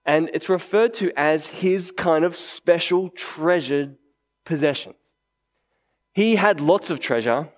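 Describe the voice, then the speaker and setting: A man's voice: fairly high pitch, slow. A man preaching a sermon to a congregation in a conversational way, repeating key phrases for emphasis. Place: indoors, church meeting before a congregation.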